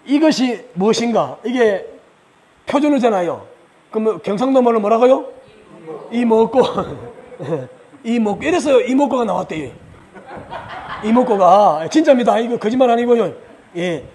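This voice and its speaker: A man giving a lively lecture at a religious retreat, asking questions of the audience, answering them himself and chuckling as he goes. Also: extremely high pitch, normal speed, pauses often. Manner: chuckles often while he explains.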